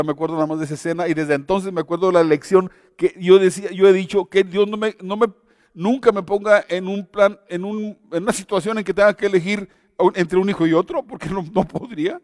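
A man in his fifties gives a sermon in a high, searching voice, leaning on repetition and pauses and stumbling into restarts now and then. The sound is close and dry, but a long reverb trails after his words as in a large hall. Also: steady tone. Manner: retells a story with emphatic pauses and repetition; stammers and restarts often. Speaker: preacher.

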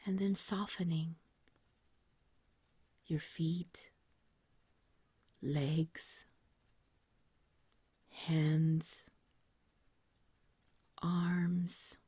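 A woman guiding a meditation like a sleep story narrator, in a soft, whispery, breathy voice with a gentle, soothing, unhurried manner. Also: on the low side, no echo. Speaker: meditation guide.

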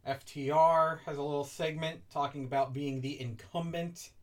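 A woman's voice: deep voice, steady tone, normal speed, darkish tone, recorded from a distance. A woman co-hosting a podcast in casual chat, making dry, crude wisecracks. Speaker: podcast co-host.

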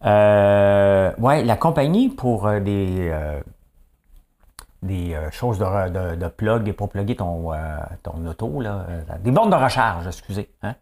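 With a lowish, darkish voice, a middle-aged man speaks slowly and expressively in a Québécois French accent. As a commentator, he delivers a rambling, joking opinion piece, repeatedly tossing in "hein?"

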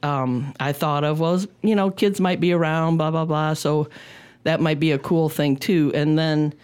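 A woman's voice: deep voice, fairly even intonation, unhurried, darkish tone, clear, resonant tone. A woman talking as a guest cook on a radio show, chatty and rambling in casual conversation. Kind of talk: casual studio chat.

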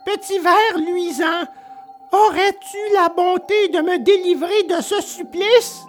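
A woman's voice: very high-pitched, slow, music in the background, voice pushed up. A woman voicing a sobbing, pleading wooden puppet boy in a storybook reading.

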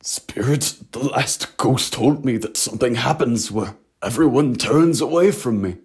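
A man acting Scrooge in a hobby audio drama, pleading and shouting dramatically. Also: mid-range voice, normal speed. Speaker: amateur voice actor playing Scrooge.

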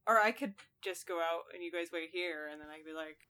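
A woman's voice: on the low side, fast talker, bright, forceful tone, clear, resonant tone. A woman playing a tabletop game, playful and giggly. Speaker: player. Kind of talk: casual chat in a tabletop game.

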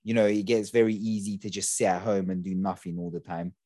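A man's voice: sits low, fairly even intonation, a little fast, warm tone, dry recording, clean studio sound. A young man, hosting a podcast in casual, slangy chat. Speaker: podcast host.

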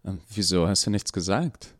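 Brief: male reader doing a stammering, evasive scientist, low and creaky, dry close sound. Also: moderate pace, no echo. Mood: awkward. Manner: hesitant, full of ums. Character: awkward, evasive male research doctor.

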